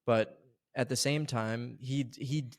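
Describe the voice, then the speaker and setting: Rambling, gravelly-voiced male podcaster. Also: mid-range voice, steady tone, takes it slowly. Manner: rambling, many restarts and fillers, retells quotes animatedly. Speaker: podcast co-host. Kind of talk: casual podcast chat.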